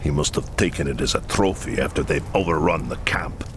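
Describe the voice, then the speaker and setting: With an extremely low voice and a fairly quick pace, a male actor portrays the grave, proud, middle-aged Kislevite leader of a war-torn camp in a fantasy game cutscene. He's earnest and solemn, sometimes pleading, against orchestral game music and a noisy background.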